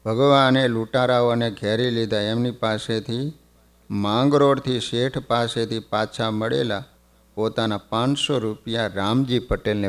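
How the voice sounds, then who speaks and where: A man narrating a devotional life story in a slow, deliberate, reverent way. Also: medium pitch, smooth. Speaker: religious storyteller.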